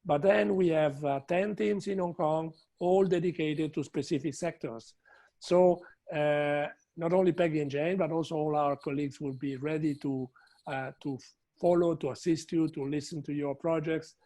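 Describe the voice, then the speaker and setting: Italian man, webinar host, formal and hesitant, slightly high mellow voice on a video call. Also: steady tone, normal speed. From Italy. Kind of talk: webinar closing remarks.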